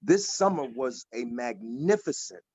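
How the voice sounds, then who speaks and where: A man's voice: medium pitch, sing-song, unhurried, a little mellow, husky, no echo. A man in his sixties speaking earnestly and emphatically in a casual discussion, often repeating words as he builds a point. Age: 60s. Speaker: panelist at an activist forum. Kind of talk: casual discussion on a video call. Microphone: video call. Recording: dull lo-fi video call audio.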